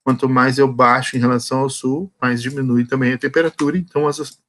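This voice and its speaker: A man's voice: mid-range voice, little pitch movement, a little fast, fairly bright tone. A male teacher explains a geography lesson and often checks in with the class. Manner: explanatory, frequent "tá?" and "né?" check-ins.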